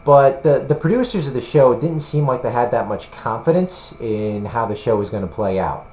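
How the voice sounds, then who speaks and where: A man's voice: medium pitch, lively intonation, moderate pace, darkish tone. A man video blogging for a combat sports site, talking casually to the camera in a rambling, hesitant way with lots of fillers. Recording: roomy room with faint hum.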